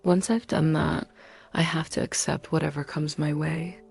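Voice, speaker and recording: Low, flat, gravelly woman narrating calmly. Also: moderate pace, soft background music. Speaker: motivational narrator. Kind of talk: scripted self-help narration.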